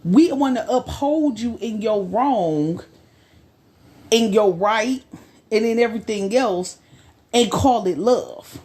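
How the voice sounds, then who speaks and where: A woman on a podcast talks in a fairly high voice. She drives her points home in a preaching cadence and slows right down to stress key words. She sounds firm and earnest. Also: animated, darkish tone. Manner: emphatic, preaching cadence with slow stressed phrases. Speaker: podcast co-host. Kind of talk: casual podcast discussion.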